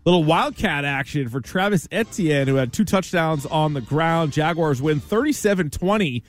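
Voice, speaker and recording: Guy hosting sports recap, chatty, voice a bit high, music playing under. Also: lively intonation, normal speed. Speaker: sports show host. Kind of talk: conversational sports highlights recap.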